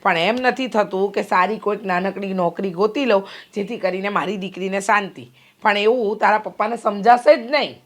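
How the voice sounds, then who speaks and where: A fretful middle-aged mother, played by a woman, fussing and complaining in a mid-pitched voice. She nags her grown daughter and grumbles about her idle husband, in a short film drama. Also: moderate pace, close to an everyday voice.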